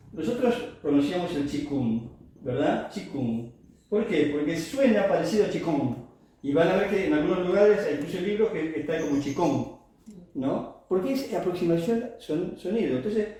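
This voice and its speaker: A middle-aged man lectures a class in a mellow, warm voice that sits a bit high for a man. He explains patiently and keeps checking in with his listeners. His voice comes from away from the mic, in a very echoey hall. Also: distant mic. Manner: explains patiently, with many tag questions to the class. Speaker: qigong teacher.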